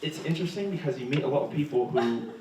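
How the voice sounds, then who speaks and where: A man's voice: medium pitch, fast, darkish tone, roomy sound. Young man, interview guest, joking storyteller, laughs often, distant mic, faint hiss. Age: young adult. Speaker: guest speaker, graduate student. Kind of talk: interview answers.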